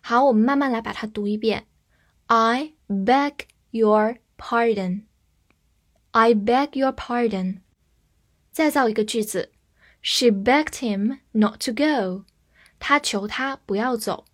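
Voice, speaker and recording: A woman teaching English vocabulary in a structured lesson, spelling words letter by letter and reading example sentences slowly for learners to repeat. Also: fairly high pitch. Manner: clear, deliberate, spells words letter by letter and reads slowly for repetition.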